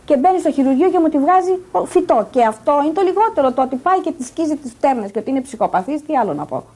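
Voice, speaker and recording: A woman's voice: sits high, expressive, dark tone. A distressed middle-aged woman giving agitated, insistent testimony in a news interview, repeating her points. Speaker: interviewee, patient's daughter.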